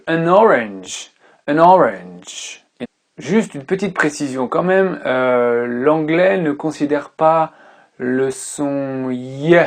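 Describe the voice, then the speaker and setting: A woman's voice: a bass voice, darkish tone. A woman teaching English grammar in a tutorial who patiently repeats each example word several times.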